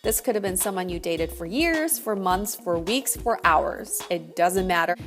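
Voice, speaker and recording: A woman's voice: lowish voice, expressive, measured pace, faint music behind. A woman hosting an advice video, speaking straight to the viewer in a confident, slick, emphatic way. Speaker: dating advice video host. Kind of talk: scripted direct-to-viewer advice.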